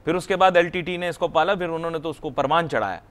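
A man's voice: a little high, fast talker, fairly bright tone, smooth. A man hosting a studio business talk show, chatty, jumping in and telling anecdotes. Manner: chatty, jumps in, tells anecdotes. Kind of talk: studio discussion.

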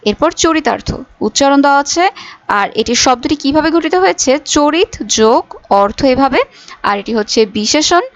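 A woman teacher giving a recorded school lesson, explaining step by step with fillers. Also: high-pitched. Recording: dull lo-fi audio.

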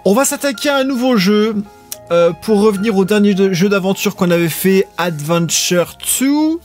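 A man hosts a live stream in an easygoing, rambling way, talking straight to his viewers. His voice sits a little high for a man. Faint music plays quietly behind him. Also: expressive, moderate pace. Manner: laid-back, rambling, chatting with viewers. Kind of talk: casual live-stream chat.

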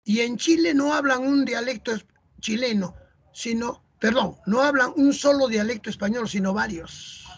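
Husky Peruvian teacher, chatty. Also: mid-range voice, normal speed. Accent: Peruvian Spanish. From Peru. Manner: chatty, tags lines with rhetorical "¿no?" and "¿ah?". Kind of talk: explanatory lesson to camera.

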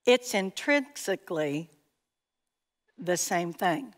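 Woman, workshop speaker, earnest and emphatic, slow delivery, long hall reverb. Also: lowish voice, expressive. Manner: earnest, emphatic, playful asides. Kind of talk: conference teaching talk. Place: large hall before an audience.

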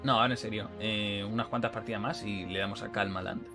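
Talking fast over music, this Madrid-accented Spanish man streams a game, keeping up loose, rambling commentary full of jokes at his own expense. His voice runs on the low side and his intonation stays fairly even.

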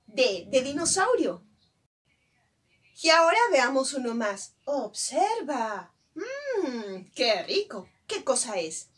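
A woman teaching a virtual class to young children, coaxing and animated as she talks straight to the child. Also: a little high, husky. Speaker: preschool teacher.

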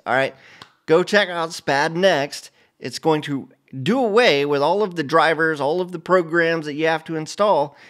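A middle-aged man hosting a casual flight simulator video, talking over a screen share in a relaxed, rambling way full of fillers and restarts. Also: fairly high pitch. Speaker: flight sim channel host. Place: home studio, indoors.

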